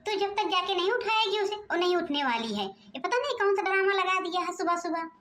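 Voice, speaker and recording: Cartoon mother-in-law, sarcastic and scolding, Awadhi accent, very high voice, put on by a woman, roomy home mic. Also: animated, a little fast, fairly bright tone. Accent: Awadhi-region Hindi. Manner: nagging, exasperated, sarcastic. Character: scolding strict middle-aged mother-in-law. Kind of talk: home-made cartoon voice acting.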